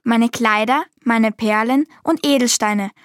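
A woman's voice: fairly high pitch, unhurried, dry recording, lightly acted. A woman doing a spoiled young princess. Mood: pleading. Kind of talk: storybook reading.

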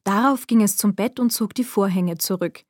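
A woman narrating a fairy tale in a calm, measured storytelling manner. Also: medium pitch, dry recording, studio quality.

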